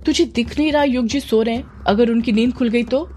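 A woman voicing a jealous, sharp-tempered young woman who speaks bossily in a Hindi horror audio story. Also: a little high, fairly quick, a little hiss or hum, voice pushed up, natural voice. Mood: irritated. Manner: snappish, bossy.

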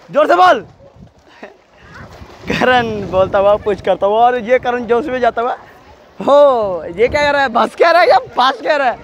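A man's voice: extremely high pitch, slight background noise. A man vlogging a school swimming meet, chatting casually to his viewers and calling encouragement to the swimmers. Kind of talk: casual commentary to camera. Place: outdoor swimming pool at a school competition.

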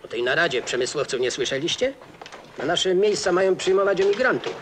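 An actor playing a grumbling miner comrade. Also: male voice, sits high, animated, fairly quick. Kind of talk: 1960s film acting. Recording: noisy old film soundtrack.

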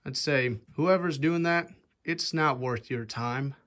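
In a casual demo vlog, a young fan collector chats loosely with lots of "anyway"s, holding his phone up at a fan indoors beneath exposed wooden rafters. He has a medium-pitched, slightly bright voice and speaks slowly.

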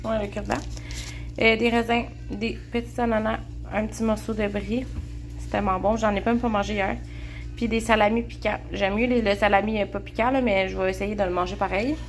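A woman's voice: medium pitch, steady tone, brisk, soft background music. A young woman with a Québécois accent chatting casually to camera in her home kitchen, full of fillers and restarts. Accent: Québécois French. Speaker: vlogger. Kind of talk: casual meal-prep chat to camera.

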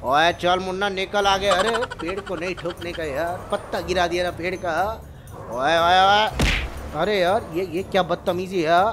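A man on a gaming channel gives excitable, teasing commentary with character voices and frequent exclamations. He sits high in pitch at a measured pace, against a noisy background.

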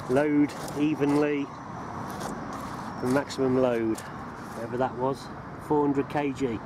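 A middle-aged man vlogging on a canal towpath while magnet fishing, chatting casually, laughing often and bursting into excitement, recorded on a camera set on the ground or held at arm's length. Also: medium pitch, slow, pauses often. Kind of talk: casual outdoor commentary. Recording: noisy outdoor recording with traffic.

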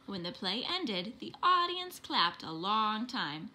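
A woman reading a children's picture book aloud in an expressive, animated way. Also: mid-range voice, slow, a little hiss or hum. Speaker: storybook reader.

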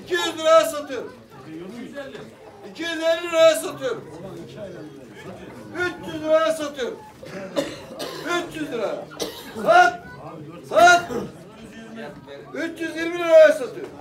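Male auctioneer, 50s, very high loud voice, emphatic bid calls, distant mic with crowd and birds behind. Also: measured pace, long pauses. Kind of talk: auctioneer calling bids, repeating prices. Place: indoor poultry auction hall. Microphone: distant camera. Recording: echoey, far from mic, noisy birds and crowd.

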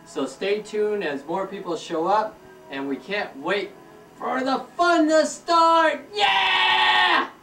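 A woman's voice: fairly high pitch, slow pace, gravelly. A woman hosting a party at home, cheerfully greeting her guests, recorded on old home camcorder audio. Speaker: party host filming guests. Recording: echoey, distant camcorder audio with music behind.

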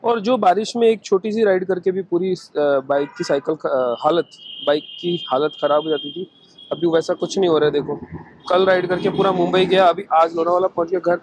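A man in his thirties chatting excitedly in a casual vlog, filming himself outdoors with an action camera at arm's length. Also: high-pitched, a little fast, slight background noise, poor audio. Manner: chatty, excitable cricket talk. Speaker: vlogger. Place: outdoors in a stadium stand and a street.

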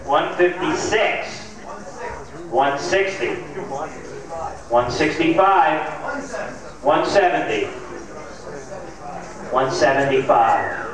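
A man's voice: on the high side, expressive, extremely slow, long pauses. A man calling bids as an auctioneer, counting up prices steadily and dropping the odd light aside. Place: large hotel function room with seated crowd. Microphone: handheld mic, heard from far back in the room. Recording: echoey hall, distant camcorder mic, crowd murmur.

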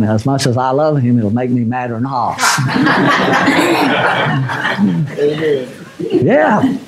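A man preaching a sermon, folksy and plain-spoken, reading scripture with rising fervor and dropping low for asides. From Missouri, USA. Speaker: pastor.

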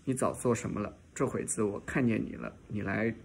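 A man reading aloud the lines of a fierce, sharp-tongued, jealous young noblewoman from a classic novel, in a cursing, scolding manner. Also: on the low side, steady tone, a little fast, vocal fry, slight background noise.

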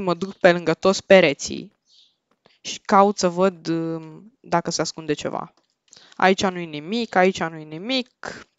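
Young male gaming youtuber, excitable, panicky rambling, lo-fi mic, dry small room. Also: sits high, smooth, no echo. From Romania. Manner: excitable, mixes in English slang, panicky repeated nos. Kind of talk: casual gameplay commentary. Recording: dull lo-fi home mic.

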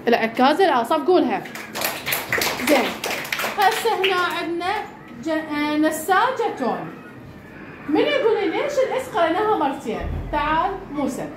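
An Iraqi woman teaches a class, firing brisk questions and calling on pupils by name. Her voice sits high and moves lively up and down. The classroom rings with echo, and steady background noise runs underneath. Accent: Iraqi Arabic. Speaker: primary school teacher. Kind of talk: classroom lesson, quizzing pupils.

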